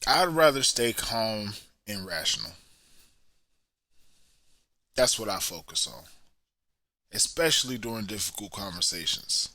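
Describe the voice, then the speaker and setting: Low, forceful man giving relationship advice. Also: animated, unhurried, pauses often, dry recording. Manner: coaching, checks in with the listener. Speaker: podcast host.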